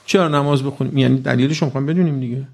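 A man giving a conversational religious lecture to a live audience, reciting verses slowly and often asking "right?". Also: medium pitch, fairly even intonation, vocal fry, a little mellow.

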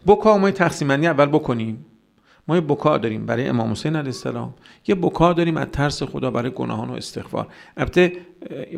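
Guy preaching a sermon, gravelly voice, keeps firing rhetorical questions. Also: on the high side. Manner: argumentative, rhetorical questions, mocking quoted voices. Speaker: cleric. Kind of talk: religious sermon.

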